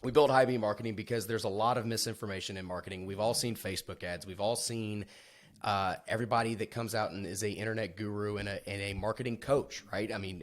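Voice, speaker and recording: A man with a slightly low voice hosts a relaxed business podcast. He rambles and restarts his sentences, often joking at his own expense. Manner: rambling, self-deprecating, many restarts. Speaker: podcast host. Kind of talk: casual business podcast chat.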